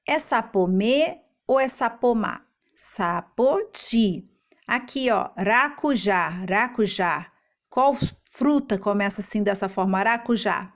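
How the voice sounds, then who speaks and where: A woman teacher explaining a homework lesson to young children in Brazilian Portuguese, patient and slow, sounding out syllables. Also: a little high.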